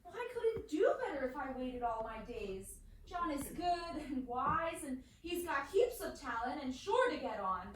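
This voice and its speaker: A woman's voice: sits high, big pitch swings, normal speed. A woman playing an earnest, proud young woman in a period drama, polite but spirited. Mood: earnest, loyal. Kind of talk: stage-style period drama dialogue. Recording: very echoey, distant, faintly noisy room recording.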